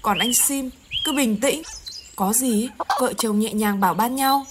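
A kindly village cooperative leader in a rural skit, acted by a woman. She talks gently and persuasively in a fairly high voice. There is noise in the recording. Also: unhurried, natural voice. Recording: noisy outdoor skit recording.

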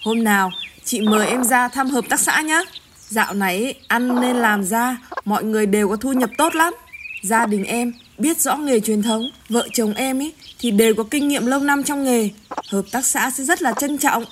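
Woman as a calm cooperative leader, gentle, persuasive, fairly high voice, noisy recording. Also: moderate pace, lightly acted. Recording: noisy outdoor skit recording.

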